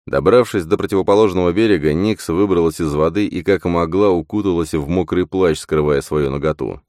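A man reading a fantasy audiobook as narrator in steady scripted narration. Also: sits low, fairly quick, no echo, clean studio sound.

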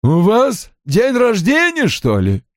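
A man voicing a gruff, deadpan office secretary woman with a crackly voice who talks in curt, grumbling remarks. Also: medium pitch, takes it slowly, no echo, clean studio sound, voice pushed up. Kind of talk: audiobook character voice.

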